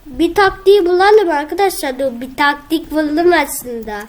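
A young woman, casually commenting on her own gameplay, excitable and whiny when frustrated. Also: sits high, normal speed. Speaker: gaming video host.

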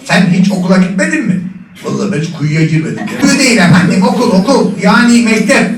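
A man's voice: sits high, expressive, fast. A man voicing bickering comic shadow-puppet men with exaggerated questions and misunderstandings. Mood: comic, exasperated. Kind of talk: Turkish shadow-puppet comedy performance. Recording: roomy, distant playback of a performance.

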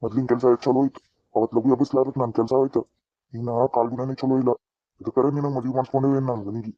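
Voicing a cartoon's bitter older mother-in-law, a man scolds and taunts in a North Karnataka Kannada accent. He is lightly acted, mid-range and level in tone, and he races along, recorded in dry, dull lo-fi sound without echo.

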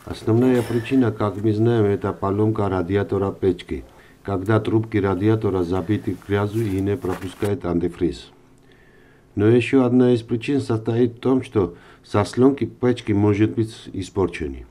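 Low dark-toned guy walking thru a car heater fix, faint outdoor noise behind. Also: moderate pace. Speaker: car repair channel host. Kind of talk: voice-over car repair tutorial.

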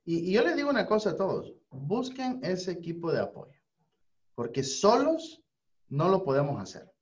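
A radio host with a high-sitting, sing-song voice speaks at a moderate pace in a casual spiritual talk, earnest and preacher-like as he discusses faith and support. The audio is dull and lo-fi.

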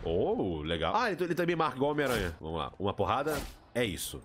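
A young man with a Brazilian accent giving casual, excitable, sweary gameplay commentary. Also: mid-range voice, fast talker, background noise. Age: young adult. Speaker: gaming streamer.

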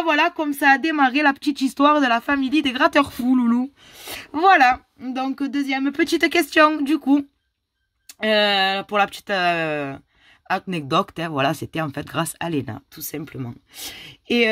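A woman's voice: mid-range voice, fairly bright tone, no echo, studio quality. A woman in her thirties, a mother of three, chatting casually to her viewers and answering their questions in a rambling way full of fillers. She sounds tired and a little ill. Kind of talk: casual chat.

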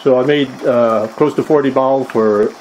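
A man hosting a casual food vlog and cooking demo, speaking easygoing and pausing often with "uh" as he explains. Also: medium pitch, a little mellow, a little hiss or hum. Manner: easygoing, frequent "uh" pauses while explaining. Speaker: food vlogger.

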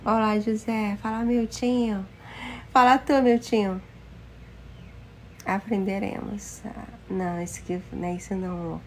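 A woman from Manaus with a Brazilian accent, hosting a casual livestream and greeting viewers one by one by name, slipping into halting Spanish. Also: medium pitch, steady tone, a little hiss or hum. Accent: Brazilian Portuguese. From Manaus, Amazonas, Brazil. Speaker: livestream host. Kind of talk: casual live chat with viewers.

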